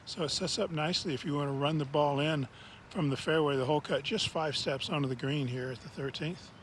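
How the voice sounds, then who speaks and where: A man's voice: on the high side, brisk, a little hiss or hum. A man giving live golf commentary in short, descriptive, conversational observations.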